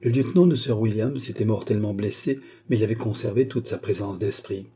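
A man reading a classic novel aloud as audiobook narrator, steady and measured. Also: fairly low pitch.

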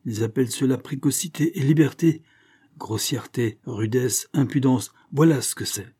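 A man's voice: mid-range voice, normal speed, dark tone, breathy edge, lightly acted. A man reading aloud, voicing an irascible, gouty old English earl who growls out scornful outbursts. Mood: angry.

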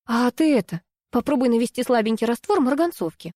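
Woman doing anxious mom on the phone, asks question after question, higher voice. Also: animated, brisk, mellow, no echo, clean studio sound, natural voice. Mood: fretting. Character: worried caring middle-aged mother on phone.

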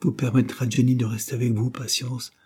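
A man's voice: mid-range voice, level tone, a little fast, warm tone, breathy edge, voice pushed up. A man voicing a tearful, pleading young mother. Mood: distressed.

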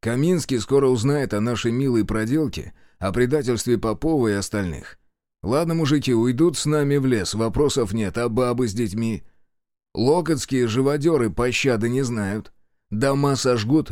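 A man's voice: medium pitch, normal speed, darkish tone, dry recording, studio quality, natural voice. A man voicing a blunt, stubborn male partisan commander in an audiobook. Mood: stern. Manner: blunt, gruff.

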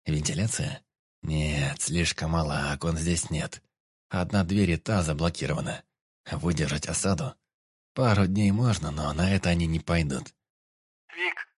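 A man's voice: rumbling low, moderate pace, breathy edge, no room sound, studio quality. A man reading a sci-fi audiobook as the narrator.

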